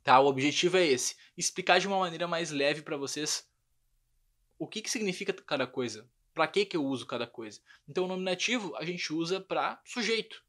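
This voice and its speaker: Bright-voiced man teaching a language. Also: fairly high pitch, fairly quick. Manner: lively explanatory, frequent check-ins. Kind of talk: online language lesson.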